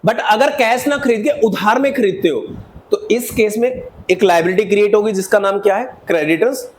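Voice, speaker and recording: A man with a high voice teaches accountancy to a class. He keeps asking the students questions and then answers them himself, and he drops English accounting terms into his sentences. A faint hiss of noise sits behind him. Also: moderate pace. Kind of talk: classroom lecture.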